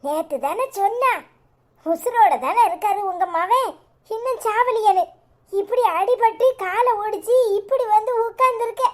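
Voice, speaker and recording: A woman voicing a bitter, grieving old mother-in-law in a cartoon, scolding in a Tirunelveli Tamil accent. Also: moderate pace. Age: older. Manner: shrill, scolding, wailing complaints. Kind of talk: cartoon voice acting.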